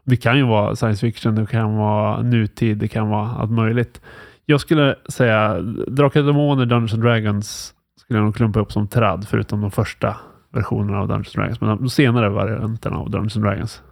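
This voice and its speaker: A man hosts a laid-back podcast chat, his voice gravelly with a crackle of fry at the ends of phrases. He talks in an easygoing way, pausing on fillers as he thinks. The recording is close and dry, with no room sound. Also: lowish voice, dry recording. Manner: relaxed, thinks aloud with frequent fillers. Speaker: podcast host. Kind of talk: casual podcast chat about tabletop roleplaying.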